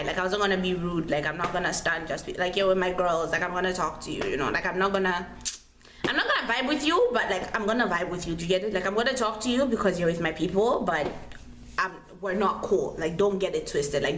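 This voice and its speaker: Speaking fast and expressively, a young woman animatedly tells a personal story to camera as a storytime vlogger, slangy and dramatic, repeating phrases for emphasis. Her voice is on the low side with a fairly bright tone. There's roomy echo and clear background noise.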